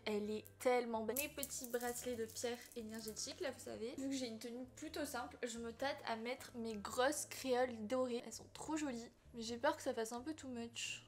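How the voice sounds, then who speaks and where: A young French woman vlogging casually, chatty and enthusiastic, gushing about food and outfits. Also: a little high. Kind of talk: casual travel vlog narration. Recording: music playing behind the voice.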